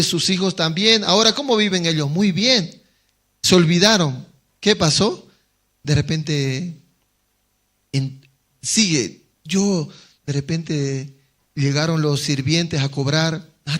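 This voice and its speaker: A man's voice: sits high, a bit bright. A man with a Bolivian Spanish accent, a pastor preaching a sermon, retelling a parable and throwing rhetorical questions at the congregation. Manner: storytelling, acting out the characters' voices.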